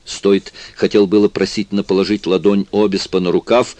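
Deep-voiced male audiobook narrator. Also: a little fast, no echo. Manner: steady, expressive reading. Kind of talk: scripted narration.

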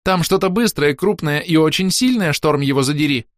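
A man's voice: on the high side, brisk, no room sound, studio quality, voice pushed up, close to an everyday voice. A man voicing a stubborn teenage girl goddess who keeps insistently demanding things, in an audiobook. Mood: grumbling.

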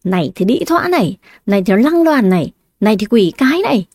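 A woman voicing a young wife who speaks calmly and coldly. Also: medium pitch, fast, breathy edge, dry recording, studio quality. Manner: calm, cold and cutting. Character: young wife, cool and cutting.

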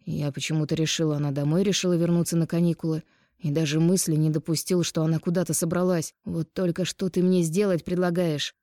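A woman reading an audiobook, voicing a remorseful middle-aged ex-husband who speaks low, quiet and slow. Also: little pitch movement, dry recording, clean studio sound, close to an everyday voice. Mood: weary, thoughtful.

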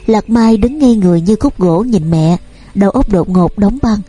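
A woman narrating a novel as an audiobook reader, in steady, measured storytelling. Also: medium pitch, soft background music.

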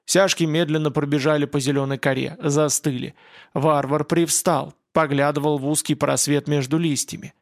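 A man narrating an audiobook in an even, measured reading style. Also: a little high, creaky.

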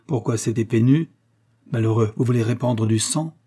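An old village priest speaks with firm, commanding authority, as a man reading a storybook puts him on. The tone is mellow and dark. It carries a light husk. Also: medium pitch, normal speed, breathy edge, natural voice.

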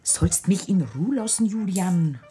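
A tight-fisted woman hunched over her money, muttering low and slow in a classic radio drama. Her dark voice sounds distant, with faint music underneath. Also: animated. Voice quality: muttering, hushed. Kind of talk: classic radio play acting.

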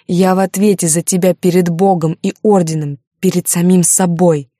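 A woman's voice: on the low side, steady tone, moderate pace, warm tone, dry recording, clean studio sound, natural voice. A woman voicing a troubled young man bound to a religious order, speaking sternly and pleadingly. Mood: insistent.

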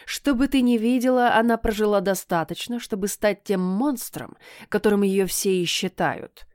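Brief: woman reader doing a stern, mocking talking cat, gruff and curt, dry close sound. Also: mid-range voice, normal speed, a little mellow, no room sound, natural voice.

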